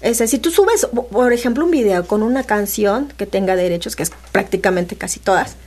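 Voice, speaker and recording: A woman's voice: mid-range voice, animated, fairly quick, darkish tone. A woman chatting as a guest on a radio program, talking with many fillers and restarts. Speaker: radio guest, animation workshop leader. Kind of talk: casual radio chat.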